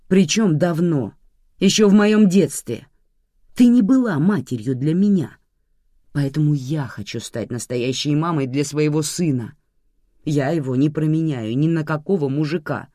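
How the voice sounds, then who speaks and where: A reader plays a resentful young woman setting hard limits with her mother. Her tone is firm and reproachful, with a lively, swinging pitch. The recording is dry and close. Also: dry recording.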